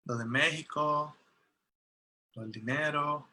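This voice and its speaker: Un hombre que interpreta una conversación en una videollamada y habla en tono conversacional, con muchas muletillas y frases que vuelve a empezar. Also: male voice, a little high, slow, sharp tone. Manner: conversational, with frequent fillers and restarts. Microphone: video call.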